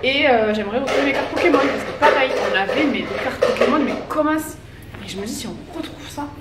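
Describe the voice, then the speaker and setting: A woman's voice: high voice, fairly quick. Chatty, rambling French woman vlogger. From France. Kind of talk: casual chat to camera. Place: home, indoors, folding laundry. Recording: roomy echo, distant mic, background noise.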